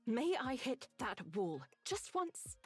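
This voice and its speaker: A woman's voice: sits high, big pitch swings, takes it slowly, husky, faint music behind, full character voice. An actress playing a hot-tempered, super-strong female soldier in a game, blunt and irritable. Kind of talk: game voice acting.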